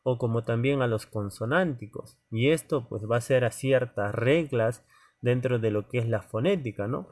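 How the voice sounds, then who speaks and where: A man's voice: mid-range voice, normal speed, darkish tone. A male teacher lecturing students informally, checking in with frequent tag questions and fillers and speaking to them directly. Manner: conversational, many "¿no?" tags and fillers; addresses students directly as "joven".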